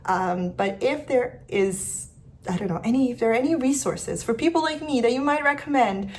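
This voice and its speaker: A young woman from Canada talking to camera about homeschooling in a casual, thoughtful way, pausing often with ums. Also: on the high side, a little mellow, a little hiss or hum. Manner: thoughtful, many ums and pauses. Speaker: homeschooling mom vlogger. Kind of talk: casual reflective vlog talk.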